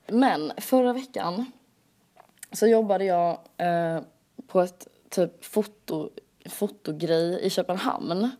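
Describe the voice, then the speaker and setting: A woman's voice: lowish voice, mellow. A young woman co-hosting a podcast, telling stories in casual chat with lots of filler words. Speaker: podcast co-host.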